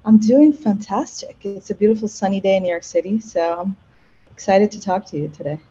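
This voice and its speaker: A woman from Egypt talks as a podcast guest, recounting her path in an animated, self-correcting way. Her voice is warm and slightly husky. The recording sounds dull and lo-fi. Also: mid-range voice, fairly quick. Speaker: podcast guest, marketing executive. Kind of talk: casual interview chat.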